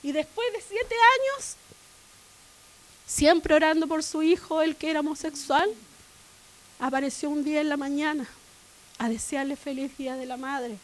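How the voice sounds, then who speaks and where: Female preacher, very high voice, sermon delivery with emphatic repetition, church setting. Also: moderate pace, long pauses, poor audio. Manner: rising to loud emphatic repetition.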